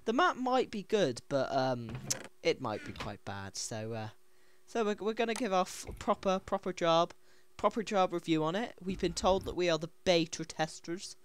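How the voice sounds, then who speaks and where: Stammering gaming host. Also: male voice, high-pitched, animated, normal speed, slight background noise. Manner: rambling, stammering, giggly. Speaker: let's play host. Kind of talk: casual gaming commentary.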